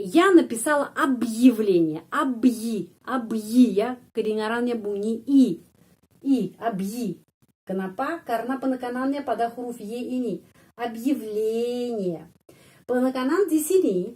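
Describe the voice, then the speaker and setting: Woman slowly modeling pronunciation as a teacher. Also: mid-range voice, darkish tone. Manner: slow, deliberate, repeats words to model pronunciation. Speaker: Russian language teacher. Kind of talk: pronunciation lesson.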